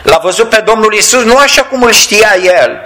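Bright, high-voiced man preaching fervently. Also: lively intonation, rough recording. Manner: fervent, exclamatory, stretches key words slowly. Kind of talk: sermon.

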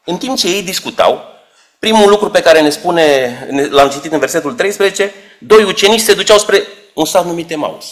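A man's voice: a little high, animated. A man preaching a sermon, explaining scripture with rhetorical questions and shifting emphasis.

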